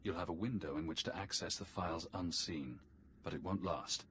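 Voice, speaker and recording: A man voicing a calm, wry dead man who advises as a hallucination in a video game. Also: deep voice, moderate pace, noisy background, natural voice. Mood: dry, conspiratorial.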